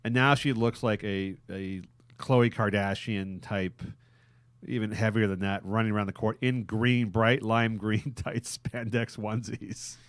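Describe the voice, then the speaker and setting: A man's voice: lowish voice, steady tone, a little slow, no echo. A man hosting a podcast, rambling crudely with frequent laughter. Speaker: podcast host. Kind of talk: casual crude podcast banter.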